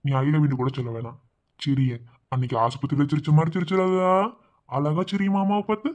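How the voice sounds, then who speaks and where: A man's voice: on the high side, steady tone, fairly quick, darkish tone, close to an everyday voice. A man voicing a young village husband in a cartoon, speaking Madurai Tamil with teasing banter. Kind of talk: cartoon voice acting.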